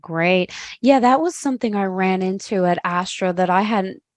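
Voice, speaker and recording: A woman hosting a casual podcast interview, chatty and quick to laugh. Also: medium pitch, dry recording. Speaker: podcast host.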